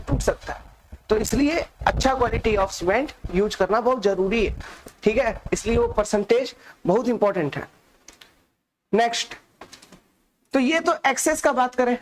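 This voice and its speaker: A male instructor giving a live online lecture, speaking slowly and softly on purpose and dictating notes by repeating key terms. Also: very high voice, a little hiss or hum. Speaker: exam-prep instructor.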